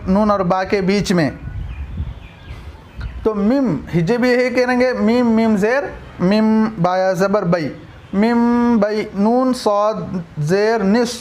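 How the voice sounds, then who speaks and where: A man teaching a Quran reading class in an Indian Urdu-Hindi accent. He recites letters and syllables slowly and drawn out, then explains the rules more quickly. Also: very high-pitched. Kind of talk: recorded online lesson.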